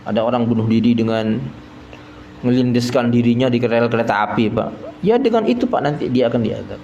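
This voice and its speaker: A religious teacher from East Java, Indonesia, gives a folksy study sermon in a prayer hall, often calling listeners "sir" and chuckling at his own jokes. His medium-pitched voice is animated, brisk, creaky, and warm. The recording is muffled, with echo from the hall and faint noise.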